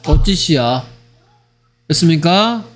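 A man teaching English grammar in a lively, teasing way, often checking whether students follow. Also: a little high, slow pace, over loud music. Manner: acts out short skits in other voices. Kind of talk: online grammar lecture.

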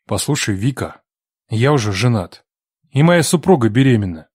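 Curt, resentful ex-lover man, read by a woman, low and dry on the mic. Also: animated, moderate pace, darkish tone, breathy edge, no echo, heavily acted. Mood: cold. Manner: curt and cold. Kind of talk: audiobook character voice.

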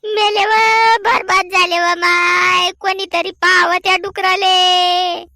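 Woman playing a crying village wife, slow, bright, dry cartoon voice. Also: steady tone, clear, resonant tone, no echo, close to an everyday voice. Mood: wailing. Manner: loud crying lament, shrill. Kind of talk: cartoon voice acting.

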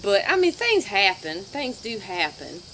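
A woman's voice: mid-range voice, big pitch swings, unhurried, a bit bright, slight background noise, poor audio. A woman, co-hosting a casual chat outdoors and laughing often. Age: 40s. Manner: chatty, laughing, colloquial. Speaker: co-host. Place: outdoors in a wooded yard.

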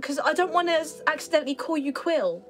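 A woman's voice: high-pitched, animated, fast. A woman chatting casually as a tabletop game player, hesitant and repeating her words. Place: indoor studio set, group at table.

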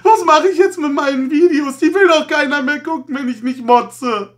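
A man's voice: very high voice, moderate pace, voice pushed up. A man playing a melodramatic, outraged toy reviewer who rants in a wailing, theatrical way as satire. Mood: whiny outrage. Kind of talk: satirical rant.

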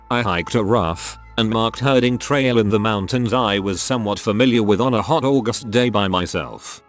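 Low-voiced man reading stories, lively pitch. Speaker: narrator reading forum stories. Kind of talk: scripted narration.

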